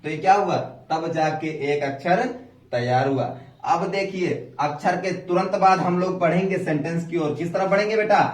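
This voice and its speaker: A man's voice: high voice, moderate pace. A male teacher with an Indian accent teaching grammar to students, asking questions and having them repeat after him. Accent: Indian English. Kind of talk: classroom grammar lesson. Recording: echoey room, far from mic.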